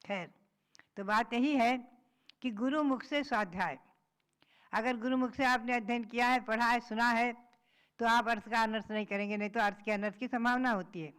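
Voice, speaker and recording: A woman's voice: fairly high pitch, fairly even intonation, moderate pace, fairly bright tone, clear, resonant tone. A woman, a Jain nun, giving a patient religious discourse, reciting verses and then explaining them.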